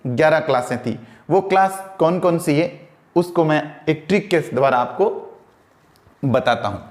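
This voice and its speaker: A man's voice: a little high, lively intonation, unhurried. A male teacher gives a lecture. He asks questions and answers them himself, repeats himself and spells words out as he writes. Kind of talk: classroom lecture.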